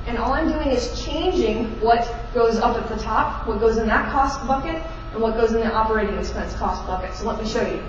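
A middle-aged woman giving a conference keynote lecture on stage, explaining terms plainly and quizzing the audience with questions. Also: a little high. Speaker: keynote speaker. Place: large dark conference hall stage. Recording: echoey hall recorded from far off, dull and noisy.

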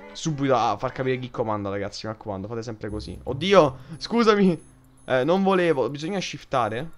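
A young man with a Roman accent, doing excitable let's-play commentary, shrieking in panic and swearing often. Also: medium pitch. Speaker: gaming youtuber.

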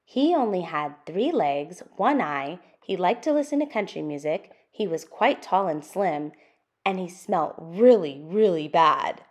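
Reading a picture book aloud at an interactive children's storytime, this woman uses expressive, sing-song, deliberate phrasing. Her pitch sits on the low side.

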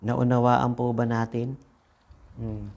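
Gravelly Filipino preacher man. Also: medium pitch, flat delivery, slow, darkish tone, lo-fi sound. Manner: mixes English and Tagalog, rhetorical questions, repeats phrases. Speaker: pastor. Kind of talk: sermon.

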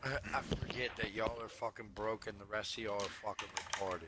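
A man trash-talking his friends over a video game, loud, profane and mocking. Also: fairly low pitch, steady tone, brisk. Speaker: streamer. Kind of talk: trash-talking gaming chat. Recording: noisy room.

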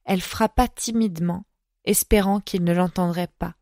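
A woman narrating an audiobook in a measured, expressive reading. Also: fairly low pitch, no echo, clean studio sound. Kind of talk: scripted narration.

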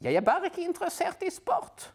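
A man's voice: extremely high pitch, huge pitch swings, pitched above the performer's own voice, full character voice. A man voicing a fussy, sport-averse detective in an audiobook. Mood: dismissive. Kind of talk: audiobook character voice.

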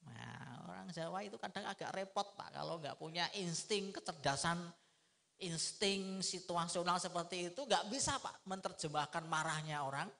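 A middle-aged man giving a lively, humorous religious lecture, asking his listeners rhetorical questions. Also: fairly high pitch, vocal fry. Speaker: Islamic preacher.

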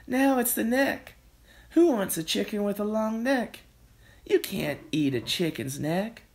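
A sour, critical farmer's wife from a storybook, put on by a male reader. The voice is pitched high and grumbles in drawn-out, sceptical complaints. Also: lively intonation, creaky, darkish tone, heavily acted. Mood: sceptical, grumbling.

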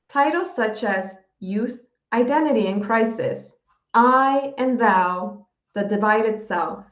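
A woman teacher reading a novel aloud for students in a slow, steady voice. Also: mid-range voice. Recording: dull, roomy recording.

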